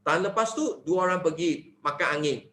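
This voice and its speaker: Man, high voice, animated sales presenter who keeps asking rhetorical questions, echoey room. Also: moderate pace. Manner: animated, mixing in English phrases, asks rhetorical questions. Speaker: network marketing presenter.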